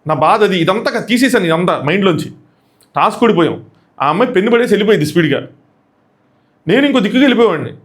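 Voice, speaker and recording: Fast-talking Telugu man reviewing a show. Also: sits high. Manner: animated, acts out contestants' lines in quotes. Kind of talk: fast episode review commentary.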